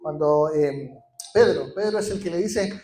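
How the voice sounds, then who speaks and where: A man's voice: on the high side, measured pace, darkish tone, echoey room. A man with a Chilean accent preaching a sermon as a pastor, passionate and building to emphatic repeated declarations, with some hesitations and restarts. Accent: Chilean Spanish. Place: church.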